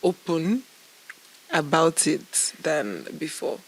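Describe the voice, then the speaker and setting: A woman's voice: low-pitched, very animated, slow pace, breathy edge, low-quality recording. A young woman co-hosting a podcast in casual chat, often laughing and teasing her friend. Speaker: podcast co-host.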